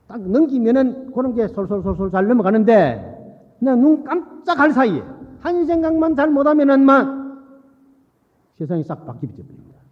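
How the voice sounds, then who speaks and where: This male monk, with a slightly high-pitched voice, delivers a folksy Buddhist sermon full of stories. He drives points home by repeating phrases and keeps checking in with his audience. The recording sounds muffled and phone-like, with a long echo from the hall.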